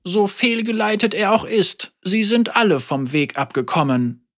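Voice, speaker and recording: An elderly woman, teacher and mother, speaks with calm, dry wit and gentle teasing, voiced by a storybook narrator. Her voice sits high and lilting and moves with lively melody. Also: moderate pace.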